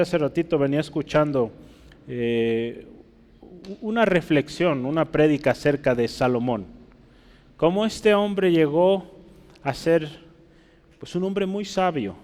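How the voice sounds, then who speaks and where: A man's voice: on the high side, darkish tone. Reverberant male preacher, teaching tone. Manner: teaching, explains Greek words while writing on a board; addresses listeners directly with frequent rhetorical questions. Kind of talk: expository sermon. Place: church hall.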